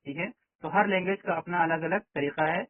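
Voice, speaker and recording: Over tinny, dry online call audio without room sound, a male Arabic teacher with a rather high voice gives a language lesson. He works through it step by step, frequently making sure students are following.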